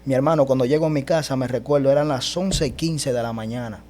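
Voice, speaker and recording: A man giving an animated personal testimony as a guest, speaking emphatically and often calling the host brother. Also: medium pitch, fast. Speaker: guest telling his testimony.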